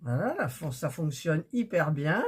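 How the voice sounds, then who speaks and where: Low-pitched and a little slow, with a breathy edge and big pitch swings, this woman talks her way through a crafting project for her casual vlog. She's chatty and thinks aloud, becoming flustered and exasperated when it goes wrong.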